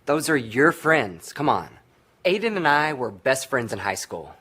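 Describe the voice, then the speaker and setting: A man's voice: mid-range voice, sing-song, measured pace, bright, forceful tone, slightly rough, exaggerated voice. Brief: a defensive, bickering man, plain mid voice. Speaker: groom-to-be. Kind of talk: film acting.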